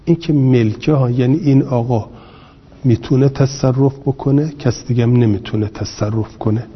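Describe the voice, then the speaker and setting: Husky male teacher, lo-fi echoey recording. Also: medium pitch. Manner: explains slowly, repeating words and spelling out vowels. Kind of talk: lecturing on Arabic grammar. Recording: lo-fi recording in a long-reverb room.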